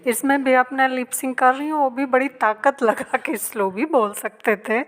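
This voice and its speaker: Soft-spoken North Indian woman, slightly high. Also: steady tone. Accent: North Indian Hindi. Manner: speaks softly and slowly so as not to disturb. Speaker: family vlogger. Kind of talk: casual voice-over narration of her day. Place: room at home, indoors.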